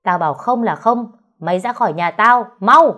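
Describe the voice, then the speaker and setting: A woman voicing a domineering older mother-in-law who scolds and shouts with scorn. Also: lowish voice, normal speed, close to an everyday voice. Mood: yelling.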